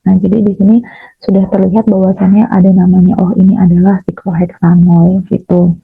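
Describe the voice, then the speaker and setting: A young Indonesian woman, a chemistry education student, narrates a software tutorial screencast step by step, often pausing on fillers. Her fairly low voice is gravelly and very raspy, and her delivery is flat. The dry, thin audio sounds as if it came over a phone line.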